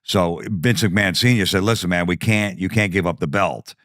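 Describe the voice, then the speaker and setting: Low-voiced man telling a comic story. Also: normal speed, no echo, studio quality. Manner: animated, profane, acts out quoted voices. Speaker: podcast guest. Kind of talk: comedic storytelling.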